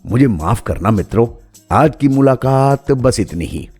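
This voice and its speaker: A man's voice: mid-range voice, expressive, measured pace, darkish tone, husky, faint music behind. A man voicing a flustered storyteller who apologizes to his online audience. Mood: sheepish. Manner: apologetic, sheepish. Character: flustered middle-aged man, sheepish live storyteller.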